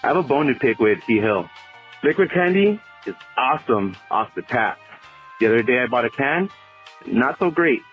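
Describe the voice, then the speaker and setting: A man's voice: mid-range voice, expressive, moderate pace, faint music behind. A man from California leaving a rambling voicemail for a podcast, heard over a landline phone line, with many hesitant fillers. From Oxnard, California, US. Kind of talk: casual phone message. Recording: dull lo-fi voicemail audio.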